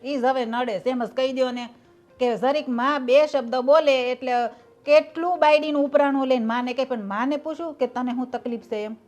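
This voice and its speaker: A woman's voice: high voice, steady tone, moderate pace, a little mellow, highs cut off, soft background music, close to an everyday voice. Woman playing a scornful mother-in-law. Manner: scornful, argumentative. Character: older mother-in-law, defensive and sharp-tongued. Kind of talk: family drama acting.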